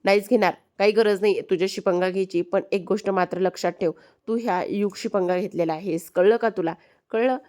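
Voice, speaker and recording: A woman voicing an angry young man who accuses his aunt of cheating him, speaking loudly and accusingly. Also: lowish voice, steady tone, a little fast, close to an everyday voice.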